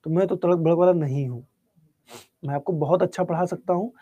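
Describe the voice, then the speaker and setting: A man teaching a live online exam-prep class, speaking softly and unhurriedly while answering students' chat questions. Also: on the high side, no echo, lo-fi sound. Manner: soft-spoken, calm and unhurried.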